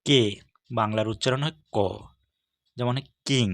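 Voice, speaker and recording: A man giving a steady, measured lesson as an English teacher, walking through letters one by one. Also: medium pitch, no room sound. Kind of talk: scripted lesson on English consonant sounds.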